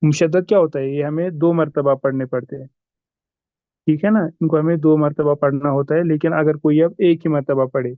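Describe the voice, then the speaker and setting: A man's voice: fairly high pitch, fairly even intonation, normal speed, no room sound, narrow, tinny audio. A man teaching tajweed in a recorded lesson, patiently repeating examples and asking and answering his own questions. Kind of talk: recorded lesson explaining rules.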